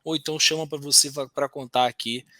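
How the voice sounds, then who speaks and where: A man hosting a casual podcast chat, an animated storyteller who slips into slang and acts out the voices he quotes. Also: fairly high pitch, fairly quick, no echo, studio quality. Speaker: host.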